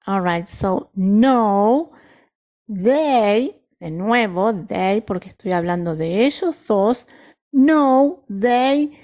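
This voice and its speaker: A woman who speaks natively, teaching English grammar slowly and carefully as she models each English phrase clearly. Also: medium pitch, expressive, darkish tone. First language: Spanish. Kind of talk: explaining grammar to students.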